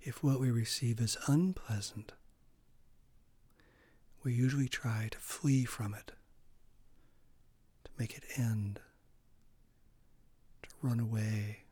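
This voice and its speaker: Slow, calm man guiding meditation. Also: medium pitch. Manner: slow, calm, with soft breathy trailing phrases. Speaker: meditation guide. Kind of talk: guided meditation.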